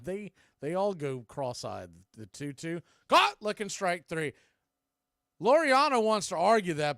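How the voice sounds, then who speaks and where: Calling baseball live, the American announcer keeps up a folksy, chatty running commentary. He has a high, somewhat bright voice, captured dry at studio quality.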